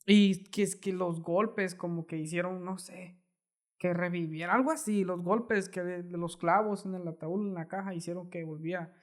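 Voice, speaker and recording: A podcast host, chatting casually with a guest, hedging and adding quick asides. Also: medium pitch, steady tone. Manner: conversational, hedging, fast asides. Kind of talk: casual interview chat.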